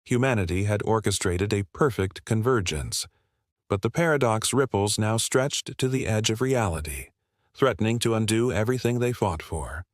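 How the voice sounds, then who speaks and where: A man narrating a scripted sci-fi war story in a steady, dramatic way. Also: fairly low pitch, no echo, studio quality.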